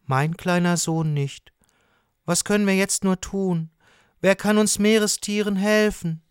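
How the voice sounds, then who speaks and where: A man's voice: sits high, steady tone, unhurried, smooth, dry recording, clean studio sound, voice pushed up. A man voicing a sad, worried father lobster in a children's audio story, pleading for help. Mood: anxious. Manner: pleading, anxious.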